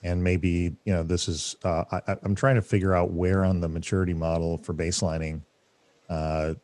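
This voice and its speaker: A man hosting a casual livestream discussion, rambling with many fillers and restarts, his voice deep from having just woken up. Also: a little mellow, no echo. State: just woke up, deep morning voice. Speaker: summit host.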